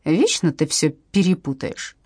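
A woman voicing an irritable, sharp-tongued woman who snaps indignantly, in an audiobook. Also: mid-range voice, lively intonation, brisk, husky, dry recording, studio quality. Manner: snappy, indignant.

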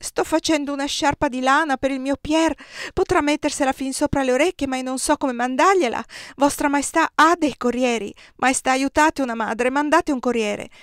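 A woman reading an audiobook and voicing a desperate mother who begs loudly in a high, frantic voice. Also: moderate pace, no room sound, clean studio sound, close to an everyday voice. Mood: frantic pleading. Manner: high, loud, frantic pleading. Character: desperate, grieving older mother, pleading.

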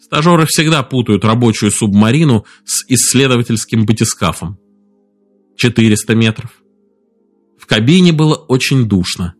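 Male narrator, measured audiobook delivery, faint music underneath. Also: mid-range voice. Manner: steady, measured storytelling.

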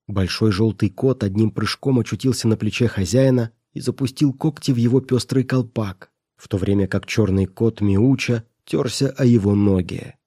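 A man narrating a classic story at a steady, measured pace. His voice is dark and warm, with a dry, close sound and no room around it. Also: on the low side, slightly rough, no echo. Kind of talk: reading a classic story aloud.

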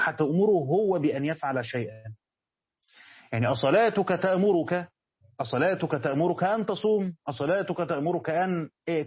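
The recording is muffled, with no room sound. A religious teacher, a man with an Egyptian Arabic accent, leads a Quran commentary class, asking his students questions he goes on to answer himself. His voice is husky and fairly high-pitched.

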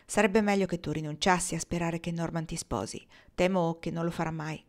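A woman voicing a calm, motherly woman who speaks gently and frankly in an audiobook. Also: on the low side, fairly quick, close to an everyday voice. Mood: kind.

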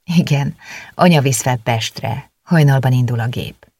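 Audiobook: a reader playing a flustered, earnest schoolgirl, raspy, dry sound. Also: mid-range voice, a little mellow, no echo. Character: shy, earnest teenage girl.

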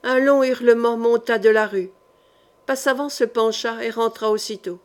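Woman narrator, audiobook, slightly high voice, measured and dramatic. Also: fairly even intonation.

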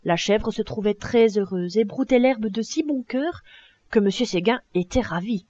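A woman's voice: mid-range voice, moderate pace, dry recording. Lady reading a story aloud, lots of exclamations, dry close sound, a bit lo-fi. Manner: expressive storytelling with many exclamations. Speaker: audiobook narrator.

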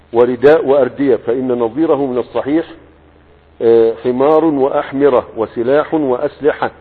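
A man with an Egyptian Arabic accent teaches a classical morphology text in a slightly husky voice. He moves between reading the book and casual colloquial explanation, often asking students if they follow. The sound is thin and phone-like, with a long echo from a hall. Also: medium pitch. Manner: reads the text, then explains in colloquial asides with checks to students.

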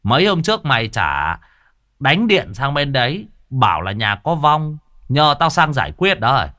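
A man's voice: medium pitch, big pitch swings, measured pace, pushed and bright. A man voicing a scruffy, crude middle-aged exorcist who curses and grumbles. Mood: grumbling. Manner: gruff, cursing, grumbling.

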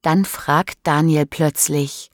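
A woman narrating a graded-reader audiobook in a slow, clear, measured way, close to a studio microphone. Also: sits low, steady tone, dry recording.

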